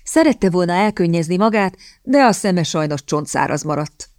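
A woman narrating a period romance novel in a measured storytelling manner. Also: lowish voice, lively intonation, a little mellow, no echo, clean studio sound. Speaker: audiobook narrator. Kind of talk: scripted audiobook narration.

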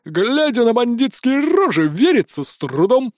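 Brief: an old pirate parrot, boastful and squawky, pitched sky-high, lively swoops. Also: male voice, moderate pace, no room sound, clean studio sound. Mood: cocky. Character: cocky century-old male pirate parrot. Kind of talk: audiobook character voice.

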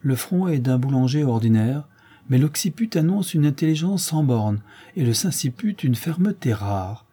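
A man's voice: mid-range voice, animated, normal speed, dark tone, slightly rough, pitched above the performer's own voice. A man voicing a showy, teasing male painter who speaks with mock gravity and delights in mocking others. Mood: mock-grave.

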